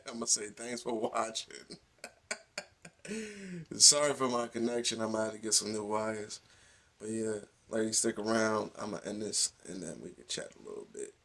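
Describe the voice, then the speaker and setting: A man's voice: on the low side, a little slow, long pauses, bright, forceful tone. A man hosting a casual online chat, his voice cutting out and dropping away over a bad internet connection on a computer call. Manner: laid-back, chuckling, lots of "you know". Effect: breaking up on a bad internet connection. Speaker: host. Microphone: computer mic on a video call.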